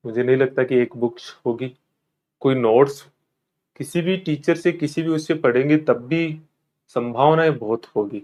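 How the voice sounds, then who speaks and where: Man giving a thoughtful exam lecture. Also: medium pitch. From India. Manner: thoughtful, explanatory, with frequent pauses and fillers. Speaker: teacher.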